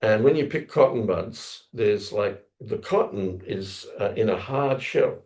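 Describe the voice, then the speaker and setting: A man's voice: lowish voice, expressive, measured pace, darkish tone. A man giving a scripture class, telling a story in a rambling way, often correcting himself and acting out sounds with his voice. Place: temple lounge class, indoors.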